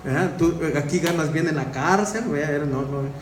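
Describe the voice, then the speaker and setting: A man's voice: fairly high pitch, fairly quick, distant mic. A man preaching an informal Bible-study sermon, chatting with the listeners and often asking them questions. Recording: roomy echo with faint background noise.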